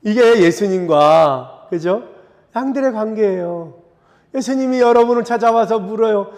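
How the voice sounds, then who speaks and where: A man preaching a sermon as pastor, in a conversational way that keeps asking the congregation to agree, and he acts out the scripture voices with dramatic pauses. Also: high-pitched, lively intonation, a little mellow. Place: church sanctuary. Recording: reverberant church sanctuary.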